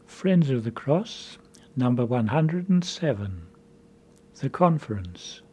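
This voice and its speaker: A man giving a measured, earnest spiritual conference talk as a preacher. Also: medium pitch, big pitch swings, darkish tone, slightly rough.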